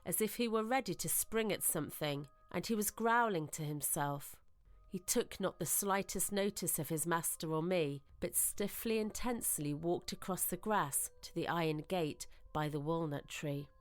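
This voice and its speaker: In a radio-drama manner, a lowish-voiced woman narrates a scripted ghost story with measured, literary suspense.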